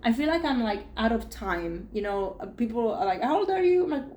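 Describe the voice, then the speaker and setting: A woman's voice: a little high, a little fast, roomy sound, slight background noise. A woman in her forties, a podcast host and spiritual coach, talking casually and emotionally, often acting out her own inner thoughts. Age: 40s. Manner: animated, emotional, restarts and acted-out inner thoughts.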